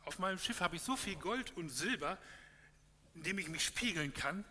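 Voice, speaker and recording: A man's voice: high-pitched, lively intonation, moderate pace, pushed and bright, pitched above the performer's own voice, heavily acted. A man voicing boastful Vanity. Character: vain boastful Vanity, a female spirit on a luxury ship. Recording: echoey hall with faint hum.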